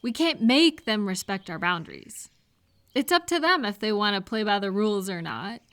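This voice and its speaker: A woman with a medium-pitched, slightly bright voice and lively intonation speaks at a moderate pace. As an audio roleplay performer, she talks conversationally to one listener, reassuring them and explaining things as she gives supportive advice.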